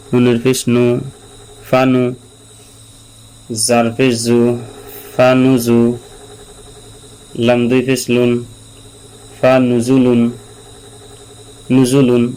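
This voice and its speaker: Man, Quran reading teacher, slow patient drill, flat even delivery, smooth clear voice, mains hum behind. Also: medium pitch, rough recording. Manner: patient, repeats syllables slowly for learners to follow. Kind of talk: slow spelled-out recitation lesson.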